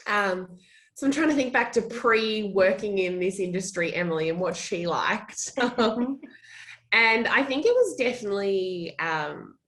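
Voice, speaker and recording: A woman's voice: mid-range voice, fairly bright tone. A young woman from Australia, a social media manager, chatting in a casual interview and laughing often.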